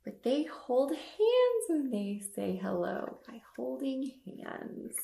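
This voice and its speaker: A young adult storytime host reads picture books to toddlers, asking simple questions with exaggerated emphasis. She has a high-pitched, warm, creaky voice with a slow, sing-song delivery. The recording comes from a home webcam in a small indoor room and sounds roomy.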